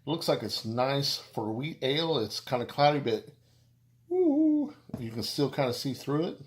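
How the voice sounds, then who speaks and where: A man casually reviewing a beer on his video channel, rambling and halting with many restarts and fillers, and making self-deprecating jokes. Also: mid-range voice.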